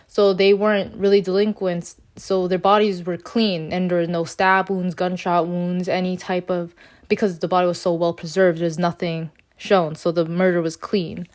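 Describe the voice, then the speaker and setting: A young woman with a slightly low voice presents a student podcast segment. She speaks unscripted, often pausing and restarting mid-sentence with fillers. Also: little pitch movement, a little mellow. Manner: halting, many fillers and restarts. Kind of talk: unscripted case summary.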